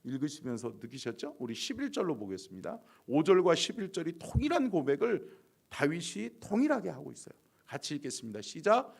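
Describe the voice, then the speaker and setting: Pastor, male, dawn sermon; emphatic, rises to fervent peaks, animated pitch. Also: a little fast, gravelly, slightly rough. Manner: emphatic, building to loud fervent passages. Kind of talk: early-morning sermon.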